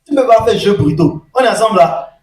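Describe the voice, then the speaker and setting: A man preaching a sermon, calling out "alléluia" often and asking the congregation questions, switching between quiet asides and sudden shouted emphasis. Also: high-pitched, animated, quick pace, distant mic. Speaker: pastor. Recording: echoey room, voice off-mic.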